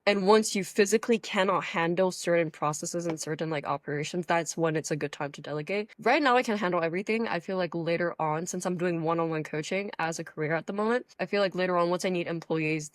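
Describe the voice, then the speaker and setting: A teenage girl from Thailand talks as a podcast guest, upbeat and chatty, with lots of "like" and "you know." Her voice sits a little low for a girl. The sound is dry and close, as on a video call. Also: fast, few pauses, no echo. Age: teens. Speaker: podcast guest, online coach. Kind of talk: casual conversational interview.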